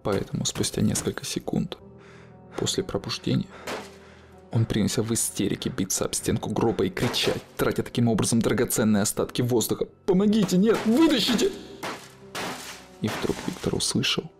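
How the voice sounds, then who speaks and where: A man reading a scripted horror story in a measured, dramatic way. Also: medium pitch, creaky.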